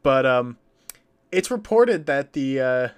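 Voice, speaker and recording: Guy cohosting a history podcast, jokey, chatty, mid pitch. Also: very animated, takes it slowly, smooth. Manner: joking, chatty. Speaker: podcast co-host. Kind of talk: casual history podcast chat.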